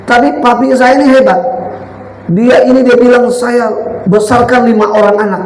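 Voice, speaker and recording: A middle-aged male pastor preaching animatedly, shouting out his points and then dropping into storytelling. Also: very high voice, fairly even intonation, normal speed. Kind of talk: sermon. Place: church sanctuary. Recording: echoey church hall with faint ambience.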